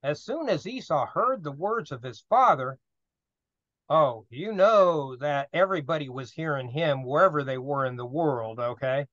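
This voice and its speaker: A man teaching a casual Bible study class, reading scripture aloud and acting out the characters in lively asides. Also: fairly high pitch, normal speed, no room sound, lo-fi sound. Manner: animated, reads scripture aloud and acts out the characters with laughs.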